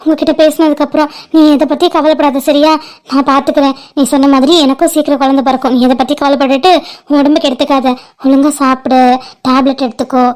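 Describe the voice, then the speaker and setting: A woman voicing an emotional, affectionate younger sister in an animated family drama. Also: high-pitched, fast. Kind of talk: cartoon drama voice acting.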